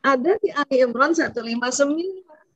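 A middle-aged woman lectures on child-rearing in a lively seminar style, turning her listeners' likely objections into questions and answering them. Her voice sits a little high. The recording is dry and somewhat muffled. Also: fairly quick, dry recording. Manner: animated, asks herself questions in the audience's voice. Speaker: seminar speaker on parenting. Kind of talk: religious parenting seminar talk.

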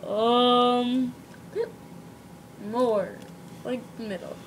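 A woman's voice: a little high, fairly even intonation, drawn-out words. Giggly bossy girl directing toys. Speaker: home video maker directing toys. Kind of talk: playful home video directing. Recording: noisy home video.

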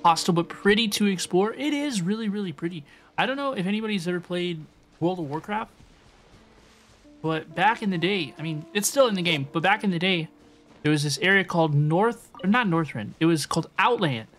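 Brisk and lively in intonation, this young woman's voice sits on the low side as she plays a game and chats casually with viewers over background music. She often repeats her phrases throughout the live-stream commentary.

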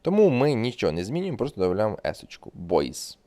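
A man's voice: medium pitch, very animated, racing, mellow. A man giving a spoken grammar lesson as an English teacher, explaining patiently and repeating example words.

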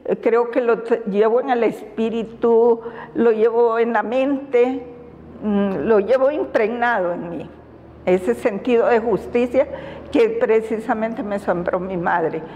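An older woman from Honduras with a Honduran Spanish accent, answering interview questions slowly and thoughtfully, with many fillers, on a lapel mic. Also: on the high side, in a large hall, phone-quality sound. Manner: slow, deliberate, reflective with frequent fillers and laughs. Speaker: women's rights defender. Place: indoors in front of a banner.

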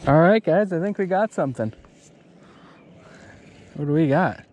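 A man's voice: a little high, normal speed, slight background noise. A young man casually narrating to viewers while fishing from a kayak on a lake, recorded on a head-mounted action camera. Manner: relaxed, chatty, talks to viewers. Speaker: fishing vlogger.

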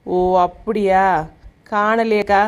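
A woman's voice: medium pitch, fairly even intonation, takes it slowly, clean tone. A woman voicing a teasing young village woman. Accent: Kanyakumari Tamil. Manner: teasing, pleading. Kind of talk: animated comedy dialogue.

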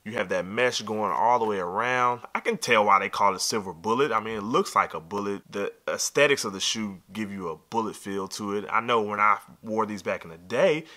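Excited man reviewing sneakers, bright voice. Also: on the low side, fairly quick, few pauses. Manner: excited, opinionated, talks straight to the viewer. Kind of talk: casual sneaker unboxing review.

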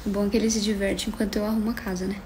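A woman's voice: medium pitch, level tone, very fast, darkish tone, roomy sound, slight background noise. A young adult woman vlogging casually at home, chatty and playful, with rambling asides. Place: room at home.

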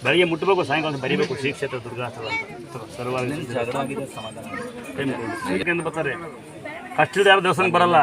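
On outdoor temple grounds among devotees, a man with an animated, medium-pitched voice talks fast as he gives blessings and home remedies. He issues commanding instructions and repeats them, with crowd noise all around.

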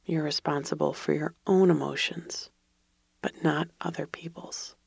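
Whispered meditation guide, gravelly and breathy, slow and calm. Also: mid-range voice, dry recording. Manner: slow soothing whispered guidance.

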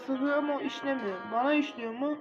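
A young male gaming host with a very high voice chats through a mobile game, addressing his viewers directly and getting easily frustrated. The recording is dull and lo-fi, with faint game music underneath. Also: fairly even intonation, moderate pace. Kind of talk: casual mobile gameplay commentary.

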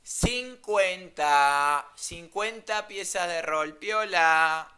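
A young man with an Argentine Rioplatense accent, casually telling a slangy, animated anecdote. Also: high-pitched, extremely slow, smooth. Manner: animated, slangy, laughs mid-story. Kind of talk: casual storytelling.

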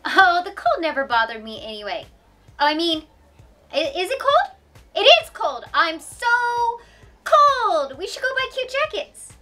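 A woman's voice: extremely high pitch, very animated, measured pace, sharp tone, soft background music, heavily acted. A woman playing a flustered princess stuck in her sister's body, catching and correcting her own slips in a live-action play-acting skit. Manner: flustered, stumbling, self-correcting.

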